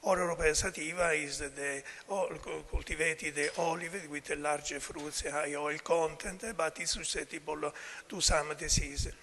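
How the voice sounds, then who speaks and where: An older man with a weak, low-volume voice gives an academic presentation in halting English. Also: fairly even intonation, bright, forceful tone, a little hiss or hum. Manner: halting delivery in non-native English. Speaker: conference speaker, professor. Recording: hall reverb.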